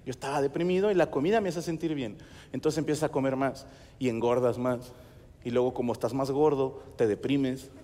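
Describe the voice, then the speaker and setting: A Mexican man doing a stand-up comedy set on a theater stage, with crude slang and quick acted-out voices. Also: mid-range voice, fairly even intonation, mellow, long reverb tail. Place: large theater stage, live audience.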